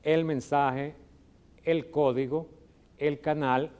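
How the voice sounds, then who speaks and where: A man's voice: on the high side, steady tone, takes it slowly, darkish tone, smooth. Venezuelan man teaching a televised lesson. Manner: explanatory, checks in with frequent "ok?". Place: studio with electronic whiteboard.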